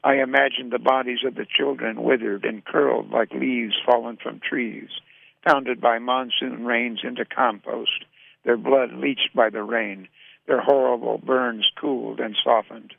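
A man gives a measured, sombre reading in a voice thick with gravel. The sound is narrow and phone-like, dry with no room around it. It sounds like a radio reading. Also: mid-range voice, fairly even intonation, no room sound. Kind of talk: literary reading.

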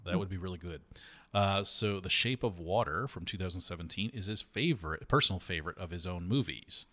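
A man co-hosting a casual chat about films, chatty and quick to laugh. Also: low-pitched. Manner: chatty, laughs often, lively delivery.

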